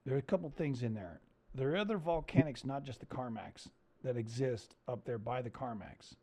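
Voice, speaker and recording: A man with a gravelly, creaky voice hosts a loose screen-share chat. He rambles and hesitates, filling gaps with "um" and "uh" as he points things out. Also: medium pitch, lively intonation, moderate pace, dark tone. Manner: rambling, hesitant with many fillers. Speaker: host.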